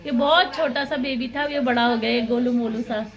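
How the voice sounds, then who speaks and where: A woman's voice: on the high side, steady tone, brisk, muffled recording. A woman chatting casually to the camera at a family gathering, playful and coaxing. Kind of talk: casual vlog chat. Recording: busy family room with crowd noise.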